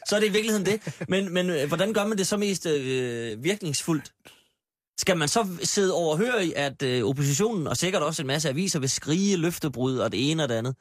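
Higher-voiced male panel host. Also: expressive, no room sound, studio quality. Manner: probing, acts out imagined quotes. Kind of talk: political panel discussion.

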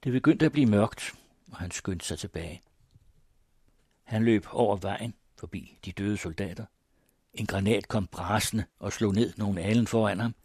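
A man narrating a story in a measured, even reading voice. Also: fairly low pitch, slightly rough, dry recording, studio quality. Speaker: audiobook narrator. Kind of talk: scripted narration.

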